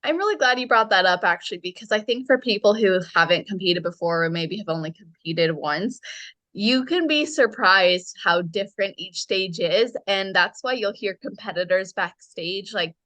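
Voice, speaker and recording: A woman's voice: mid-range voice, lively intonation, normal speed, fairly bright tone, no room sound. Upbeat woman podcast host, dry sound. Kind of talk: podcast interview.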